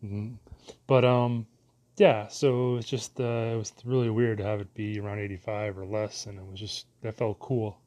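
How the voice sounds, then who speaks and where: Guy rambling to camera, low voice, swears a bit, um and you know everywhere. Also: flat delivery, normal speed, a little mellow. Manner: meandering, many fillers, mild cursing. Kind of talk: casual rambling monologue.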